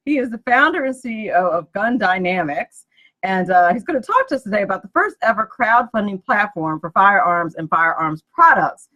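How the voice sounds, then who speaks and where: Woman radio host, animated swooping pitch, chatty, giggly. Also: normal speed, poor audio. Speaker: radio talk show host. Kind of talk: casual radio chat.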